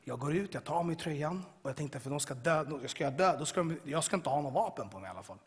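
Guy telling his testimony, kinda husky and a bit high, big booming hall reverb. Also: expressive. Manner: dramatic storytelling with sudden loud and hushed swings. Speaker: person giving a testimony. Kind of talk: personal testimony to an audience.

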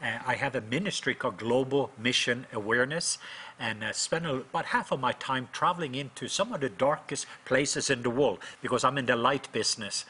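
A Norwegian man in his fifties, a minister and author with a Norwegian accent, talks conversationally as an interview guest about his own experience. His medium-pitched voice is brisk and sharp, with a little hiss or hum on the recording.

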